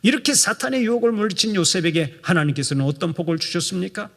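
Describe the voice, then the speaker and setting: Exhorting male pastor, husky and raspy, long church-hall reverb. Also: sits high, expressive, fast, fairly bright tone. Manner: emphatic, exhorting preaching with acted quotes. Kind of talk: sermon. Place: church sanctuary.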